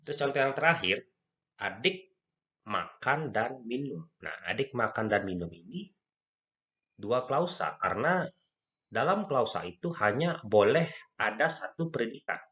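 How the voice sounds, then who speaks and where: A man lecturing on grammar, speaking slowly and stressing key terms, with frequent fillers as he explains. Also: mid-range voice, very animated, fairly bright tone. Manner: slow, stressing key words, frequent "ya" and "nah".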